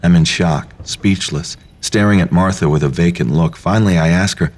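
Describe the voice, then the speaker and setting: A man narrating a first-person story in a low, hushed, intimate reading. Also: normal speed. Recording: faint music behind.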